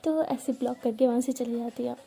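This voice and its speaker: A woman's voice: on the high side, fairly even intonation, brisk, vocal fry, dark tone, breathy edge. A woman narrating a romantic story casually, in a chatty, repetitive retelling.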